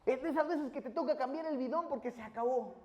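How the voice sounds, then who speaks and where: A male pastor preaching a sermon, quizzing the congregation and rising to shouted praise. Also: very high-pitched, fast, highs cut off. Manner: asks the congregation questions and builds to shouted praise. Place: church hall. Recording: roomy church echo.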